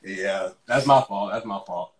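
Low laid-back guy hosting, call audio glitchy and cutting out. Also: unhurried. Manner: laid-back, with filler words and restarts. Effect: glitchy call audio that cuts out. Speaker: podcast host. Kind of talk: casual sports interview over a call. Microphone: remote call connection.

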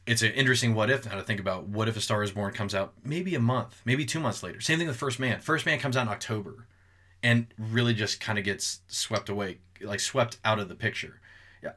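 A man's voice: on the low side, a little fast, pushed and bright. A man co-hosting a movie podcast, rambling through his points with many fillers and restarts. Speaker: podcast co-host. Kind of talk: casual movie podcast chat.

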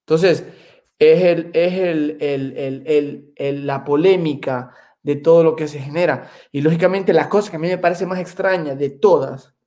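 A man co-hosting a podcast in casual chat, excitable and often repeating words as he searches for them. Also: on the high side, moderate pace. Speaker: podcast co-host.

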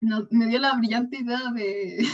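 Chilean girl chatting, kinda high voice, dull lo-fi sound, acts out everyone she quotes. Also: slow. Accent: Chilean Spanish. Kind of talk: casual chat.

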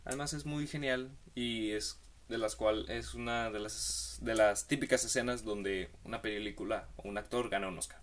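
A man's voice: on the low side, steady tone, moderate pace, fairly bright tone. A man hosting a comedic monologue, giving rambling, slangy advice with playful asides.

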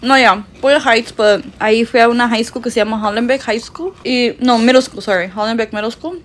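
A woman's voice: on the high side, normal speed, slight background noise. A woman in her twenties from Mexico, chatting casually as a podcast co-host, laughing often and switching between Spanish and English. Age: 20s. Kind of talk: casual chat.

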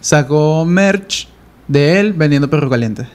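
A man's voice: fairly high pitch, slow pace. A man co-hosting a casual chat, playfully recapping a story. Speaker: podcast co-host.

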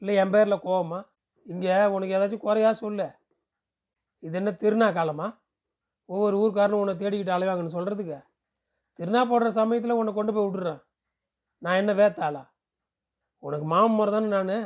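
A man's voice: high-pitched, moderate pace, pauses often, dull audio, natural voice. A man reading aloud, voicing a grown village man who leads a drama troupe and questions, coaxes and teases. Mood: coaxing. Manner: questioning, coaxing, teasing.

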